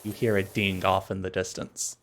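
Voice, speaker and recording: A man's voice: deep voice, completely flat delivery, moderate pace, a bit bright. A man streaming a game, chatting casually and wryly while he plays. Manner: laid-back, wry, thinks aloud while playing. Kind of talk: casual gameplay chat.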